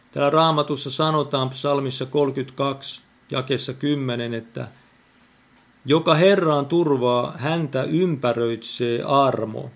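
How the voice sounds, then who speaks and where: A man hosting an online prayer meeting, giving an unhurried, reflective devotional talk with Bible reading and repeating key words. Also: medium pitch.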